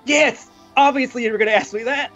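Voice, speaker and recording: A player voicing an earnest, bumbling holy brother who speaks in a halting, dramatic, pious way in a tabletop game. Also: medium pitch, fairly bright tone, dull audio, soft background music, lightly acted. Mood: pleading, flustered.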